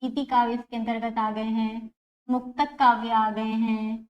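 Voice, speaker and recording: Female lecturer, a little high-pitched, explains methodically and repeats terms, dull lo-fi recording. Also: flat delivery, unhurried. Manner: explanatory, repeats key terms, asks and answers own questions. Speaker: teacher. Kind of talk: exam prep lecture. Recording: dull lo-fi sound.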